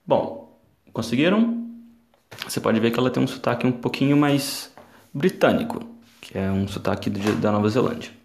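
Man, podcast teacher, gravelly voice, explains to listeners, roomy echo. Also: mid-range voice, normal speed, a little mellow. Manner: explanatory, addresses learners directly. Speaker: podcast host and English teacher. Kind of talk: podcast language lesson.

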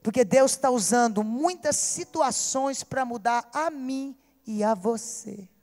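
A Brazilian woman pastor preaches with a high, bright-pitched voice, swinging between loud, urgent appeals and hushed, tender storytelling. Her voice rings out through an echoey hall with a long reverb tail. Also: takes it slowly. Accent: Brazilian Portuguese. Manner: emotional storytelling, calls out to listeners. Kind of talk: sermon.

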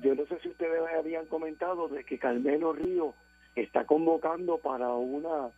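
A man's voice: a little high, moderate pace, faint music behind. A man with a Puerto Rican accent calling a radio show, sarcastic and indignant. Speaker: radio caller. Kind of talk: phone-in opinion. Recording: dry tinny phone line.

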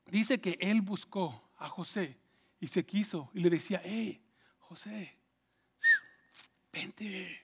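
Preacher guy, slow and chatty, keeps asking sí?, high pitched. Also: a little mellow, slightly rough. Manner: conversational, asks "¿sí?" often, acts out quotes. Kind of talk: sermon storytelling.

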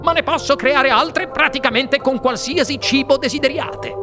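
A reader voicing an excitable, eccentric male inventor in an audiobook, boastful and then panicky. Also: high-pitched, moderate pace, over music, pitched above the performer's own voice. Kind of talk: audiobook character reading.

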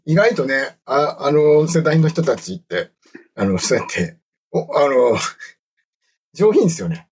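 Husky Kansai man, lively chatter. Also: on the high side, a little slow, dull audio. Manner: relaxed, laughs often, chatty. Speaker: podcast co-host. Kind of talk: casual chat.

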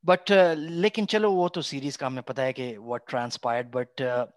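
A man's voice: medium pitch, fairly even intonation, rapid-fire, no room sound, clean studio sound. A man with a Pakistani accent hosting a conversational sports podcast, slipping between English and Urdu. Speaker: podcast host.

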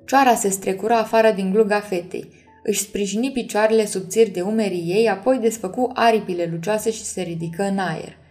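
A woman narrating an audiobook chapter in a measured, expressive reading. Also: mid-range voice, soft background music.

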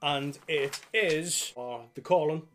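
A man co-hosting a casual chat about film music, animated and acting out scenes as he tells them. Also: fairly high pitch, slow pace, slight background noise. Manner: animated storyteller, swears freely, acts out scenes. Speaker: podcast co-host.

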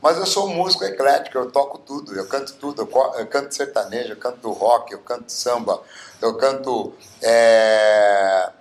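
A man's voice: medium pitch, moderate pace. A man in his seventies from Bauru, Brazil, telling stories as a guest, with many fillers. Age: 70s. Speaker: guest singer. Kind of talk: casual interview storytelling. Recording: roomy echo.

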